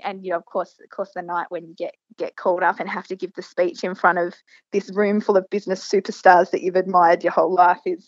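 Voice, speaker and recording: A woman's voice: medium pitch, no echo, highs cut off. A woman in her thirties with an Australian accent, a guest in an interview, talking reflectively and earnestly with many restarts. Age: 30s. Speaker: guest business founder. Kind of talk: casual interview conversation.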